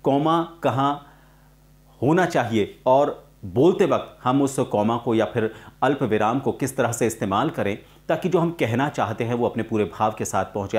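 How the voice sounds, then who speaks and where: A man in the middle of a spoken voice-over lesson. He talks slowly and deliberately, pausing between phrases. He fills gaps with "uh", in a voice of ordinary pitch. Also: darkish tone. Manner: slow, deliberate pauses; frequent "uh" fillers. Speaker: voice-over teacher.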